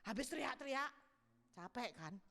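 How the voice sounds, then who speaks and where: A woman pastor preaching a sermon in an animated way, acting out scenes of shouting and crying. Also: sits high, normal speed, vocal fry. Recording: long hall reverb.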